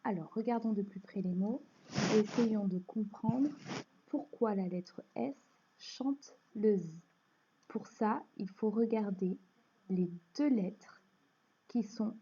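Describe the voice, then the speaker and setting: Woman, French accent, primary teacher, patient slow explaining, husky mellow voice, dull lo-fi sound. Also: medium pitch. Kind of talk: phonics lesson. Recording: dull lo-fi recording.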